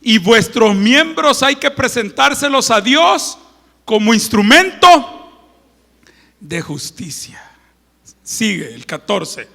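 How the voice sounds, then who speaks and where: High-voiced, gravelly preacher man in an echoing church. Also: sing-song, takes it slowly. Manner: swings from loud proclaiming to hushed asides, playful humor. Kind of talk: joking Sunday sermon with scripture reading. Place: church sanctuary. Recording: long church-hall reverb.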